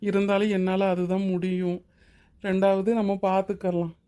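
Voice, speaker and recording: Played by a woman, a generous middle-aged husband in a cartoon speaks with a level, even tone. He talks in a warm, steady, reassuring way to his wife and her brother. His pitch stays flat and mid-range. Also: moderate pace, lightly acted. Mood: tender. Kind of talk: Tamil cartoon drama voice acting.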